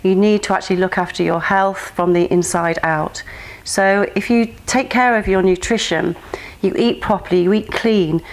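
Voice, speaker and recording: A woman's voice: mid-range voice, steady tone, normal speed. A woman, a pageant contestant and nutrition coach, giving earnest, explanatory interview answers with frequent "um"s.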